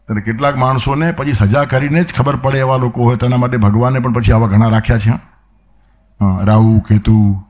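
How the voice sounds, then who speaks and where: A man's voice: medium pitch, fairly quick, dull audio. An older man with a Gujarati accent giving a spiritual discourse, telling a story and acting out the characters' lines, with sudden emphatic bursts. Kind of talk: sermon with told story.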